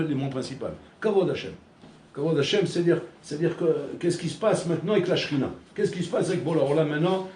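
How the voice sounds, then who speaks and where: A man's voice: on the high side, a little mellow. A man giving a Torah class as a rabbi, talking in a conversational way, repeating words and mixing in Hebrew terms. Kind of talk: sermon. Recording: echoey room with faint ambient noise.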